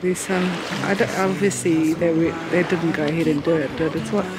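A New Zealand sailing vlogger gives casual off-camera commentary outdoors on a sailboat, rambling and hesitant with frequent fillers and restarts. Her low voice is fairly even in intonation and fairly quick, and the audio is very noisy.

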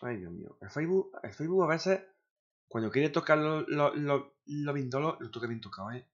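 Grumbling streamer, lo-fi sound. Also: male voice, fairly high pitch, lively intonation, normal speed. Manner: grumbling, swears often, talks to himself. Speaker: gaming streamer. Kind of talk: casual streaming chatter. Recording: dull lo-fi sound.

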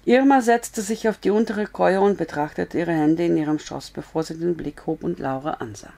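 A woman reading a novel aloud as a storyteller, in calm, measured narration. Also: fairly low pitch, vocal fry.

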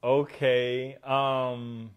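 A man co-hosting a podcast, talking in a relaxed, slangy way and often saying "bro". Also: mid-range voice, drawn-out words, clean tone. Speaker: podcast co-host. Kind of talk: casual chat.

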